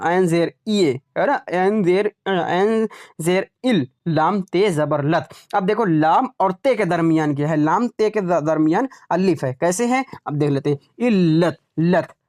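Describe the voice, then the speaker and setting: A man teaching an online Urdu exam class, repeating example words slowly and checking in with "right?" as he explains. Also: high-pitched, darkish tone.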